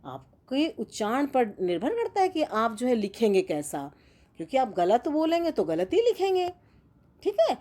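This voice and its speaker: Lively, mellow-voiced woman teaching grammar. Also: on the high side. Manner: slow, careful chanting of word forms with lively stress. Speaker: Sanskrit teacher. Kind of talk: grammar lesson.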